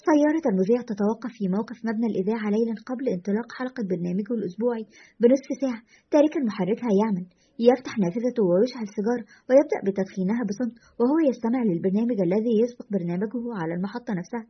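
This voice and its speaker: A woman narrating a scripted story in a brisk, steady way. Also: fairly high pitch, husky, highs cut off.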